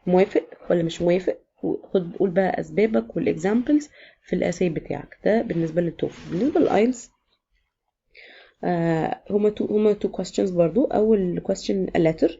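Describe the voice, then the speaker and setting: Gravelly Egyptian woman explaining casually. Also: on the low side, fast talker, dark tone, muffled recording. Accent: Egyptian Arabic. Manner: chatty, code-switches into English. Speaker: exam prep teacher. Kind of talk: casual explanatory vlog lesson.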